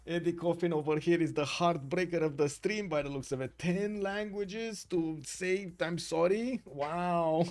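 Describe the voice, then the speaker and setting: Unhurried and with few pauses, this tournament caster's voice is a little high and a little mellow. Streaming live strategy game commentary, he reads chat, greets viewers by name, and scatters fillers through his casual play-by-play.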